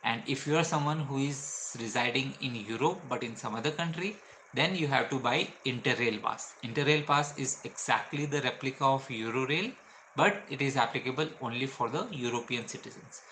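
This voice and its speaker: A man's voice: mid-range voice, moderate pace, bright, forceful tone, slight background noise, poor audio. A man with an Indian English accent, a travel vlogger explaining train options step by step with frequent fillers.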